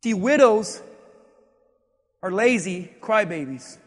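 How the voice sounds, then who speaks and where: A man preaching a sermon as pastor in a church, animated and often shouting for emphasis. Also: sits high, takes it slowly. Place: church sanctuary. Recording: long hall reverb.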